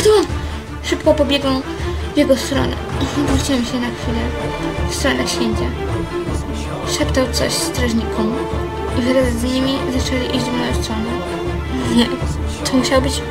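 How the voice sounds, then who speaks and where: Female storyteller reading her own fiction, a bit high, background music. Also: low-quality recording. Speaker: fan fiction reader.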